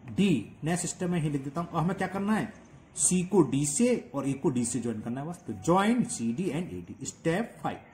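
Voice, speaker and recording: A man teaching a maths lesson step by step. He dictates steps slowly while he writes and asks checking questions. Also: a little high, animated, a little mellow, a little hiss or hum. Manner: stretches out dictated words. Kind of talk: step-by-step geometry lesson in Hindi with English terms.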